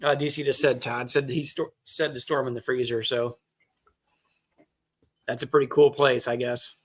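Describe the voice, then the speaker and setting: A man hosting a relaxed evening chat show. He rambles and restarts his sentences, reads viewer comments aloud, and teases his guests with an easy humor. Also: mid-range voice, normal speed. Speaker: host. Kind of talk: casual chat.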